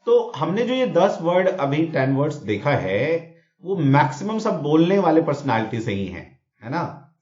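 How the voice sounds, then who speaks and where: Animated male teacher in echoey room. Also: a little high, a little slow. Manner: explains with mnemonics, repeats words, frequent "theek hai na?" checks. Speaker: exam coaching teacher. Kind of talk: Hindi-English vocabulary lecture. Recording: echoey room, dull lo-fi sound.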